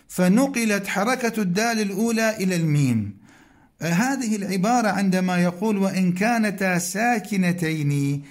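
A man with a high voice teaches Arabic grammar from a classical text. He explains it patiently, repeats each example and puts questions to his students.

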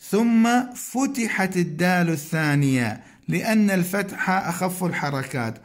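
A man with a high voice teaches Arabic grammar from a classical text. He explains it patiently, repeats each example and puts questions to his students.

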